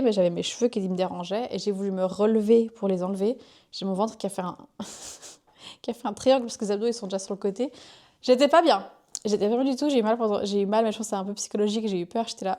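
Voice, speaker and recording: A woman's voice: mid-range voice, dark tone. A young woman, pregnant, chatting casually to her viewers in a rambling, self-interrupting way. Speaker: vlogger. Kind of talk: casual chat to camera.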